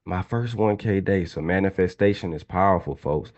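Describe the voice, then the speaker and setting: A trading instructor in his twenties from Atlanta, Georgia, casually runs a live online trading class and talks with the chat. His voice is low and a little mellow, and he speaks at a moderate pace.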